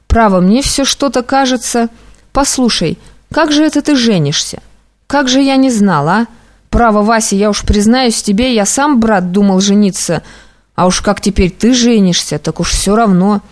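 A woman reading aloud, voicing an excitable, sentimental young man who exclaims and gushes. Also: mid-range voice, moderate pace, close to an everyday voice. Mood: effusive. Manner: exclamatory, effusive. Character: young male clerk friend, excitable and sentimental.

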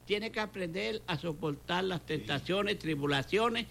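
Fervent older Puerto Rican pastor, gravelly. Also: male voice, high voice, measured pace, a bit bright, slight background noise. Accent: Puerto Rican Spanish. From Puerto Rico. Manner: fervent, repeats phrases, acts out quoted dialogue. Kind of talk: preaching testimony in a talk show.

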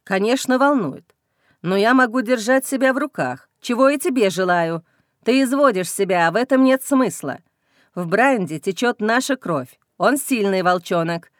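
A woman's voice: mid-range voice, normal speed, no room sound, studio quality, lightly acted. A woman voicing a cold, indifferent male werewolf warrior in an audiobook. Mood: cool. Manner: calm, dismissive. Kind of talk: audiobook character reading.

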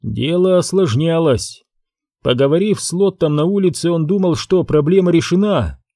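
A man narrating an audiobook with steady storytelling. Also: fairly high pitch, normal speed, dry recording, studio quality. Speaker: audiobook reader. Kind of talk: scripted narration.

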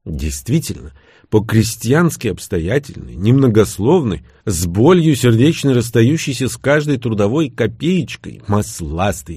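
A man narrates a thriller in the first person with a wry, sardonic edge. His voice sits low and husky and moves with lively, animated pitch. The recording is close and dry. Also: no room sound. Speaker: audiobook narrator.

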